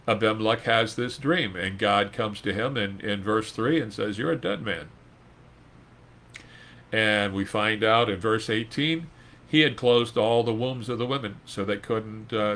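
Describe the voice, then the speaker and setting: A man's voice: on the low side, a bit bright. A man teaching an informal Bible study in a conversational way, reading verses and retelling them in plain speech.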